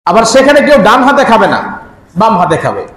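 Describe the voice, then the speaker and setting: A man preaching a sermon, telling stories dramatically and acting out the speakers in them with swings of pitch and pace. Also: very animated, normal speed, a bit bright. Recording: echoey hall with faint noise.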